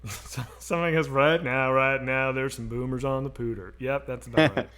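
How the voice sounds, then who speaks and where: A man's voice: mid-range voice, normal speed. A man with a nasal voice co-hosting a casual live stream, swearing freely and fumbling with the tech as he chats. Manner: profane, animated, fumbling with tech. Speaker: co-host.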